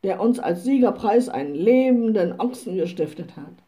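A woman's voice: medium pitch, animated, normal speed, warm tone, lightly acted. A woman voicing a stiff, pompous male rifle club captain who gives a formal speech.

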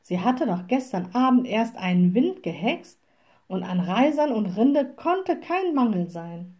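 A woman reads a children's storybook aloud, slow and unhurried. Her voice sits fairly high but sounds soft and mellow. The delivery is calm and clear. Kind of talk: read-aloud storybook narration.

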